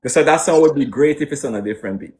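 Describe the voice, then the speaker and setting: A man's voice: mid-range voice, lively intonation, rapid-fire, dark tone. A man from Guyana, a musician guest answering questions in a casual online interview, full of restarts and hesitant fillers. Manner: rambling, hesitant with many restarts.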